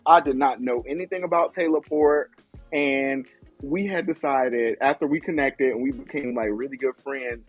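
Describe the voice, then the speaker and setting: Casting: male podcast host, slightly high, husky voice, effusive storyteller, dull lo-fi sound with faint music. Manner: gushing, animated storyteller. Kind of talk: casual chat.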